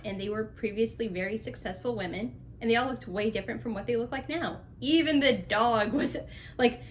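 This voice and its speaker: A woman's voice: on the high side, slight background noise. Sarcastic young woman recapping a movie. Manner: sarcastic, chatty, laughs often. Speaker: vlogger. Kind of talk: casual movie recap while doing laundry.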